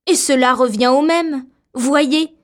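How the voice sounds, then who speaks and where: A woman voicing a kindly little old good witch who speaks calmly and gently. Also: sits high, slow. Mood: gentle. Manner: calm, gently reassuring.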